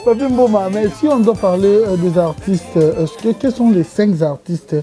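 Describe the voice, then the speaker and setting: Male interviewer, higher pitch, very dark tone, direct and pressing, faint music behind. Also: moderate pace. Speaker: talk show host. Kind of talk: interview hosting.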